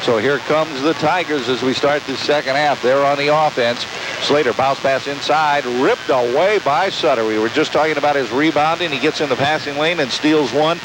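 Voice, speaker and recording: A man with a fairly high voice calls live basketball play-by-play for radio at a normal speed, using clipped, descriptive phrases. He's courtside in a large sports dome, and the broadcast survives on a hissy, noisy amateur tape.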